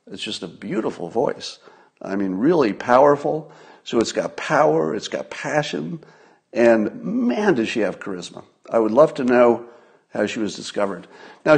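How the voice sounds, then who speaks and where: Hosting a solo livestream, a man with a lowish, slightly breathy voice offers casual political commentary. He's conversational and emphatic, pausing for effect.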